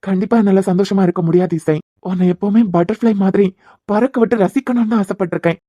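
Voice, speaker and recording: A woman's voice: mid-range voice, fairly even intonation, fast talker, dark tone, no echo, natural voice. A woman with a Kanyakumari Tamil accent voicing an earnest, apologetic young man in a cartoon serial. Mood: pleading. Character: earnest young man pleading with his love.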